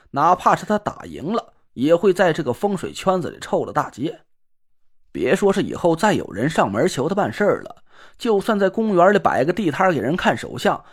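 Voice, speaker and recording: Guy reading a first-person story, wry and chatty, pitch jumps around a lot. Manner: colloquial, wry, animated. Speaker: narrator.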